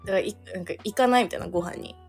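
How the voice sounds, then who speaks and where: A woman's voice: medium pitch, racing, faint music behind. A young woman in her twenties, a podcast guest telling a rambling, giggly story full of fillers. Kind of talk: casual chat.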